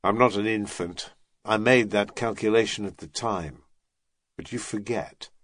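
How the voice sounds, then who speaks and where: Worn out blunt agent guy, read by a man, low key, dry sound. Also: unhurried, a bit bright, dry recording. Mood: weary. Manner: weary, blunt. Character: tired, blunt male security agent.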